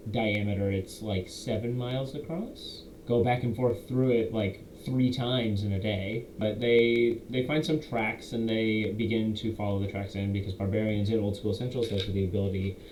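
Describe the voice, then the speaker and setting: In a roomy, echoing space with faint background hiss, a young man with a lowish, slightly mellow voice recaps a tabletop campaign he ran as game master. His monologue is casual and rambling, full of self-corrections and quick asides quoting his players.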